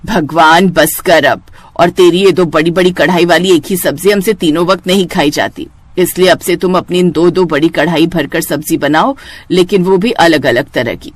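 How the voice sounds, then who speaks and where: एक महिला, कहानी में शिकायत करती, डाँटती बुज़ुर्ग सास की आवाज़ करती हुई।. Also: female voice, on the low side, normal speed, dry recording, pitched below the performer's own voice, natural voice. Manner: complaining, dramatic. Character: scolding elderly mother-in-law.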